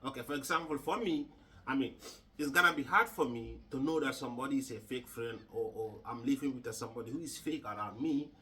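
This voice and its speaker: A man from Gambia hosting a casual podcast chat, halting and repeating words with many fillers. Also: medium pitch, pushed and bright, distant mic, rough recording. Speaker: podcast host.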